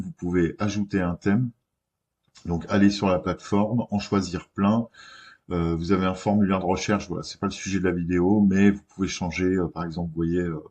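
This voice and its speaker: A man hosting a screen-recorded web tutorial, talking in a relaxed way with many hesitations and restarts. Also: low-pitched, breathy edge.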